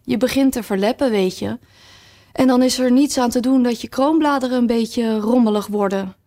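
A woman's voice: fairly high pitch, moderate pace, warm tone, close to an everyday voice. A woman reading aloud voices a chatty, condescending talking rose in a storybook. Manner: patronizing, falsely kind.

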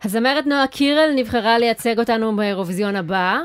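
A woman's voice: on the high side, steady tone, clean tone, dry recording. Dry, ironic Israeli woman podcaster. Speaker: podcast co-host. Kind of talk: casual comedic chat, reading out culture news.

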